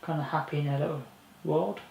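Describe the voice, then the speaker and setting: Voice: medium pitch, steady tone, fairly quick, vocal fry, a little mellow, lo-fi sound. A fan film cast member chatting casually about the shoot, rambling and laughing often. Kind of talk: casual behind-the-scenes chat. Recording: echoey room with faint noise.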